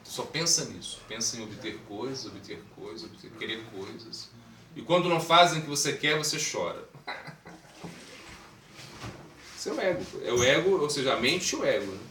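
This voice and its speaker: A man's voice: medium pitch, expressive, moderate pace, sharp tone. A man as swami giving an informal spiritual talk, conversational, asking the audience questions and acting out voices. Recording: echoey room, mic far off, noisy.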